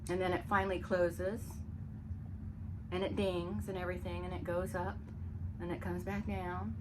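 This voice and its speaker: A woman's voice: lowish voice, flat delivery, moderate pace, noisy background. A woman casually telling personal spooky stories in a chatty, conversational way, acting out what people said. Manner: conversational, acts out quoted remarks. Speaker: storyteller sharing personal experiences.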